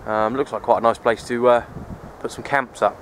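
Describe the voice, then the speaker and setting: An outdoor radio hobbyist vlogger, a man with a mid-pitched voice, rambles casually on an open wooded hilltop, sounding low-key and resigned as he keeps circling back to the same points. His intonation is fairly even and his speed normal. He holds a handheld camera and speaks into its built-in mic, with faint noise in the background.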